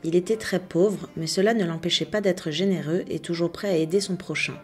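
Woman storyteller, calm bedtime reading, lowish mellow voice, soft music underneath. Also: brisk.

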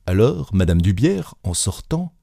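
A man reading a classic short story aloud with expressive, dramatic storytelling. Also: fairly low pitch, unhurried, vocal fry, no echo, studio quality. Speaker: narrator.

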